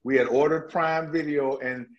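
A man talking as a guest in a casual interview, an energetic storyteller who laughs often and restarts his sentences. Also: a little high, normal speed. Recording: dull lo-fi audio.

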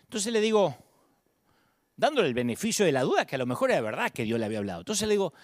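A man's voice: a little high, very fast, no room sound, clean studio sound. A man with an Argentine Spanish accent, a pastor telling a humorous, wry anecdote as a sermon. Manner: animated, wry, humorous storyteller.

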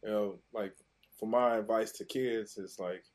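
A low-pitched man with a drawl, chatting as an interview guest. He rambles in a loose, animated way and restarts his sentences often, slipping into other people's voices as he tells his stories. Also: unhurried. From Mississippi, USA. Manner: animated, loose, repeats and restarts, acts out quotes. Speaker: guest, former pro football player. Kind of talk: casual interview storytelling.

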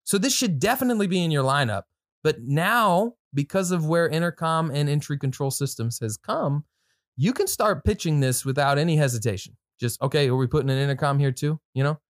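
A podcast host with a higher-pitched, animated voice talks briskly through casual product commentary, tossing in informal, slangy asides and reading some parts from notes. The audio is clean studio sound with no room reverberation.

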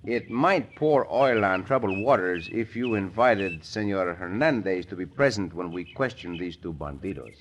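An actor playing a dashing, courteous Mexican cowboy hero with a Mexican accent in an old-time radio western, theatrical and commanding. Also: male voice, low-pitched, expressive, normal speed, hardly any pauses. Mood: calm, courteous. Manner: theatrical, commanding, formal phrasing. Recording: noisy vintage radio drama recording.

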